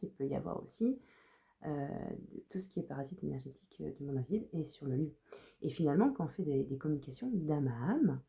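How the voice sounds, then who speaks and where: Woman animal communicator explaining stuff, low gravelly voice, lots of pauses and fillers. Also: dark tone. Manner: unhurried, loose talk full of "voilà" and hesitations. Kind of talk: explanatory monologue to viewers.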